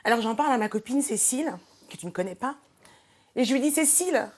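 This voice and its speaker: A woman's voice: a little high, expressive, fast, darkish tone. Playful theatrical French woman presenter. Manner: playful, theatrical, self-mocking. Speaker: regular portrait presenter. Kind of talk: comic scripted tribute monologue.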